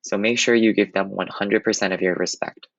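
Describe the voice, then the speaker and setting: A man's voice: fairly low pitch, steady tone, a little fast, gravelly, fairly bright tone, no echo, lo-fi sound. A young man giving an earnest public speaking lesson for Model UN students, with occasional restarts. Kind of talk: instructional talk.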